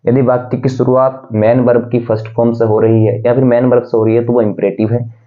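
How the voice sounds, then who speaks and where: Male tutor, mid-pitched, methodical classroom explainer, lo-fi tinny recording. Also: level tone, a little fast. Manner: explains step by step, asks and answers own questions. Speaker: English grammar teacher. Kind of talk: classroom lesson. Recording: tinny phone-like sound.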